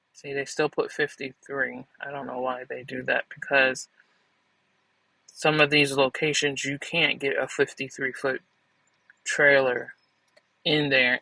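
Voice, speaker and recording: A woman's voice: very deep voice, vocal fry, sharp tone, no echo, rough recording. A woman hosting a trucking channel, chatting casually to viewers in a loose, rambling way and correcting herself as she goes. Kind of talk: casual vlog chat to viewers.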